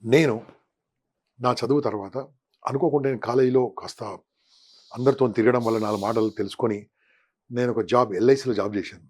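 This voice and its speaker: Rich: An older man talks quickly, piling up lists and acting out short quotes. His pitch sits in the middle, and he tells his story as an interview guest. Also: fairly even intonation, slightly rough. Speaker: interview guest, motivational speaker. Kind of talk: casual interview talk.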